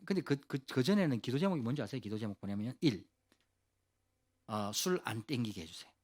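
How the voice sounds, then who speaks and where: A male pastor giving a youth sermon, telling a story in an animated, casual way and asking the listeners questions directly. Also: medium pitch, a little fast. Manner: asks the audience questions directly.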